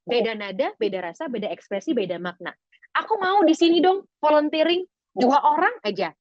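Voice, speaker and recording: A woman trainer teaching public speaking in an online webinar, her voice fairly high and full of animated swings in pitch. She sounds close and dry, with the slightly dull, lo-fi sound of a video call. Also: fairly quick, dry recording. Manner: expressive, lively, demonstrates voice exercises. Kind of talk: webinar lesson.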